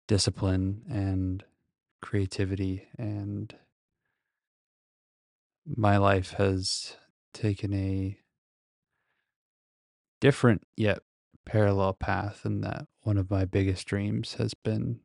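A man's voice: fairly low pitch, creaky, a little mellow, no room sound. A man recording a casual, reflective solo podcast monologue very close to the microphone, speaking in a hesitant, introspective way. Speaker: podcast host.

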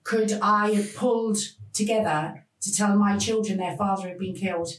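A woman tells a painful personal story as a podcast guest, speaking haltingly with many pauses. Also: medium pitch, fairly even intonation, distant mic. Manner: slow, halting, emotional retelling with many pauses. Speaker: podcast guest telling her life story. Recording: roomy sound, voice off the mic.

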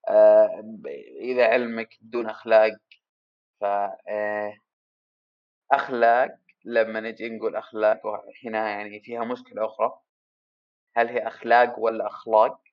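A man muses aloud through a solo podcast, wandering from one question to the next and poking fun at himself. His voice sits a little low. The home recording sounds muffled and lo-fi. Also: level tone, moderate pace, pauses often. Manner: rambling, self-deprecating, thinking aloud. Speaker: podcast host. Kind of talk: casual solo podcast monologue.

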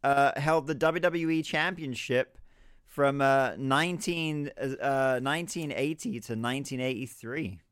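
Podcast co-host: London man, clean dry sound, animated delivery, jokey, sweary, trivia-minded. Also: mid-range voice, unhurried, clean tone, dry recording. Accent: London English. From West London, England. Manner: jokey, swears freely, reads off trivia facts. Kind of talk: casual chat over a live watch-along.

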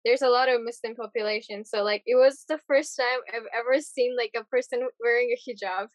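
A woman's voice: fairly high pitch, steady tone, fairly quick, no echo. A young woman from Japan chatting casually as a podcast guest, trailing off with fillers. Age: young adult. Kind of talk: casual conversation.

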